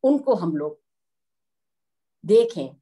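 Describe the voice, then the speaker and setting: A woman's voice: fairly low pitch, big pitch swings, very slow, warm tone, husky. A middle-aged woman from India giving an earnest public speech at a women's day event, slipping English phrases into her talk.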